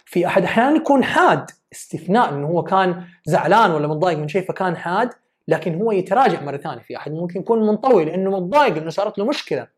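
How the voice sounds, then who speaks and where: A woman's voice: lowish voice, expressive, very fast. A woman giving an earnest, emphatic self-development talk. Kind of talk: motivational talk.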